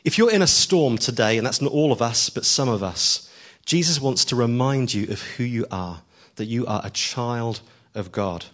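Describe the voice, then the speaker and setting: A man's voice: mid-range voice, normal speed, fairly bright tone. A man preaching a sermon, earnest and emphatic, pushing his voice up on key lines, with frequent ums as he tells a story.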